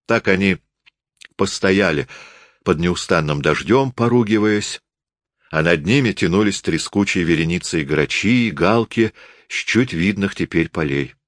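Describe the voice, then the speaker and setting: A man reading a novel aloud as an audiobook narrator, in an expressive storytelling manner. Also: low-pitched, measured pace, no room sound, clean studio sound. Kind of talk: scripted literary narration.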